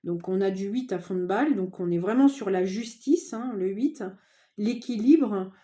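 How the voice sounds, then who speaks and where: A woman giving a casual tarot reading to viewers, chatty and informal, often pausing with fillers. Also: medium pitch, dark tone. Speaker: tarot card reader.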